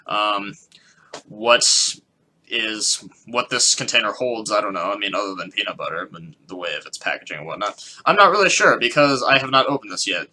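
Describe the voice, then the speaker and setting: Hesitant rambling teen guy, bright tone. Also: medium pitch, rough recording. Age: teens. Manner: hesitant, many fillers and restarts, laughs often. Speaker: vlogger. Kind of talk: casual rambling monologue.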